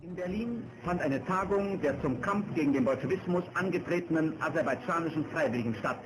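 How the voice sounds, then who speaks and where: Man, old archival newsreel narrator; raised pitch, formal declaiming read, loud music bed. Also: fairly quick, rough recording. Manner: formal, declaiming announcer delivery. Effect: old archival newsreel soundtrack. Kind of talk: 1940s wartime newsreel narration.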